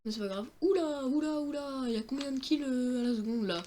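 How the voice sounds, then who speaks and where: A man's voice: very high voice, quick pace, darkish tone, a little hiss or hum. A young man giving joking, self-mocking commentary while playing a video game, talking to his viewers. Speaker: gaming streamer. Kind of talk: let's-play commentary.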